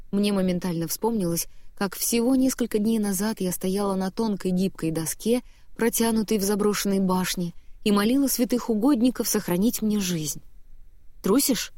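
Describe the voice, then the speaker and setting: A woman reading a first-person novel as an audiobook, in a lively, expressive style. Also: fairly low pitch, no echo, studio quality. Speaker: audiobook narrator.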